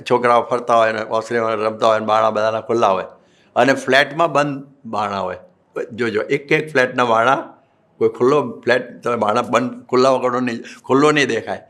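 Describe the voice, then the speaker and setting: A monk with a Gujarati accent preaches a religious discourse in a mid-range, steady, brisk voice with a fairly bright tone. He tells folksy stories, acts out quotes, and chants Sanskrit verses.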